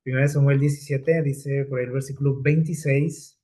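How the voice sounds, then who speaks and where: This male preacher speaks at a mid-range pitch, a little fast, with a steady, warm tone. His sermon is conversational, full of rhetorical "¿sí?" and "¿no?" check-ins, hesitant fillers, and repeated words.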